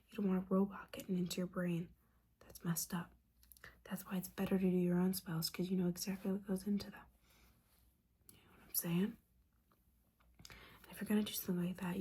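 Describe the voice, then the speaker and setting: A woman whose husky voice sits at medium pitch whispers and speaks softly as a witch mentor in an ASMR roleplay. Her character is let down and judgmental but still caring, mixing scolding with sassy, offhand remarks.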